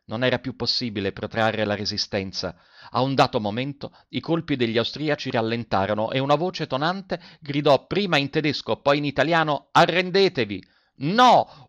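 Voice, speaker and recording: A man reading a story aloud as a narrator, expressive and building tension in the action scenes. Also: medium pitch, dry recording. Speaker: audiobook narrator. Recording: dull, dry lo-fi recording.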